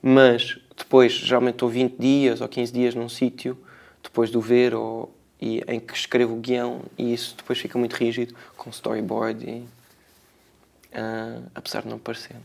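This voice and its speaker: A man's voice: medium pitch, monotone, moderate pace, creaky, darkish tone. A man with a European Portuguese accent answering interview questions as a filmmaker, reflective and hesitant, searching for words and adding tag questions.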